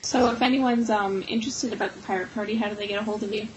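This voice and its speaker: A woman interviewer asking measured questions with fillers. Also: medium pitch, fairly even intonation, a little hiss or hum, poor audio.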